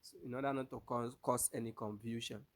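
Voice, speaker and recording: Male Arabic teacher, slow and deliberate, repeats sounds loudly for learners to copy, mid-pitched. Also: steady tone. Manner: repeats letters several times, loud and drawn out; asks the class rhetorical checks. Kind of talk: pronunciation lesson.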